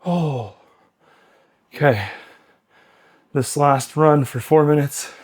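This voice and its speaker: A man's voice: fairly high pitch, takes it slowly. A man in his thirties talking casually while riding an exercise bike at home, out of breath and chatting loosely between workout cues. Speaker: workout host. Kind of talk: casual coaching while cycling.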